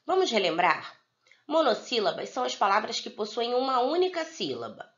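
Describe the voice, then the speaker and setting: A Brazilian woman teaching young pupils in a recorded video lesson, slowly spelling out words for the children. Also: on the high side, big pitch swings, lo-fi sound. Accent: Brazilian Portuguese. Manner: slow, drawn-out word-by-word dictation for young pupils. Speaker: primary school teacher.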